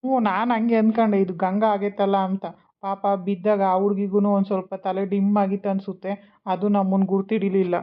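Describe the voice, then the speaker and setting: A man's voice: high voice, flat delivery, a little fast, natural voice. A man voicing a concerned, helpful village man in a cartoon, speaking earnestly. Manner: earnest, rustic. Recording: tinny phone-like sound.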